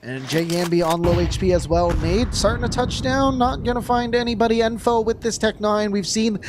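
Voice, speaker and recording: A man with a high voice calls a live esports match play-by-play, firing off the action and breaking into shouts at the big moments. A clear hum of background noise sits under his voice throughout. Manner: rapid play-by-play, rising to shouts at big plays. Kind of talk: live game commentary.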